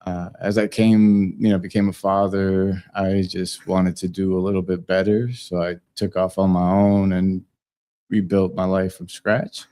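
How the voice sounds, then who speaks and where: A man born in South America and raised in Puerto Rico speaks as a guest on a radio show. His low, dark voice is laid-back, with many pauses and fillers. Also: little pitch movement. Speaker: guest, business owner. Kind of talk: casual interview.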